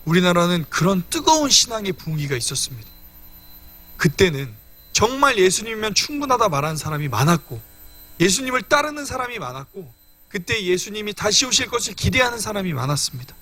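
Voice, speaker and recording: A young male preacher delivers a midweek sermon, explaining scripture in an earnest teaching manner and speaking straight to his listeners. His voice sits high and bright, and his pitch rises and falls in animated swings. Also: brisk. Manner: earnest teaching, addresses congregation directly. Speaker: evangelist preaching.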